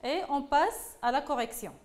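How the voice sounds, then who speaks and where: A woman's voice: high voice, lively intonation, normal speed. A woman teaching a French grammar lesson, talking patiently to pupils and repeating phrases as she goes.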